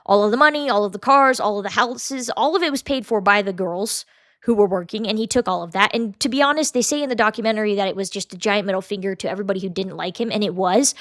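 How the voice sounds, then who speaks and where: A woman's voice: mid-range voice, dry recording, clean studio sound. Blunt, profane young woman host. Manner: blunt, profane, animated, mocking impressions. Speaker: podcast host. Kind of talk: casual commentary.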